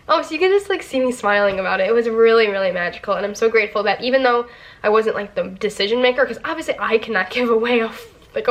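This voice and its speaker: A chatty young woman telling stories straight to her camera, her voice sitting a little on the higher side. She rambles along casually, peppering nearly every sentence with "like.". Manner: chatty, lots of "like" fillers. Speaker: vlogger, former theme park worker.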